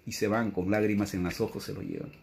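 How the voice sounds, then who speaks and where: A man's voice: fairly low pitch, steady tone, fast talker, creaky, darkish tone, slight background noise. A man, giving an earnest, repetitive spiritual teaching and often quoting a messenger. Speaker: religious teacher.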